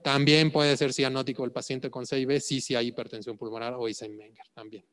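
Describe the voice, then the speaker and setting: A man's voice: medium pitch, long reverb tail. A man lecturing on clinical cases, asking rhetorical questions and checking in with "ok?". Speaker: medical exam prep lecturer.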